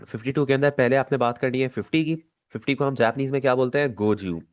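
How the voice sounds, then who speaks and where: A man with a Pakistani Urdu accent, teaching an online language lesson, patient and repeating each step slowly. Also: medium pitch, flat delivery, no echo.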